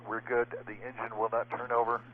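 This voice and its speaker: A man flying alone in an emergency, speaking as a pilot over the radio to air traffic control in a halting way with many fillers. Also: mid-range voice, completely flat delivery. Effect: pilot heard over an air traffic radio. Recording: narrow, tinny radio transmission.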